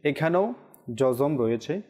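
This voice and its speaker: A man teaching correct pronunciation on a televised religious lesson, explaining slowly and chanting Arabic examples. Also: a little high, animated, a little mellow. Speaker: Quran recitation teacher.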